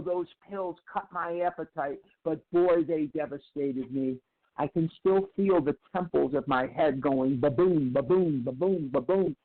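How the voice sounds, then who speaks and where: Man in his sixties, fairly high voice, emphatic candid storytelling, narrow tinny phone-like sound. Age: 60s. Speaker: recovery speaker. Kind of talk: personal recovery share.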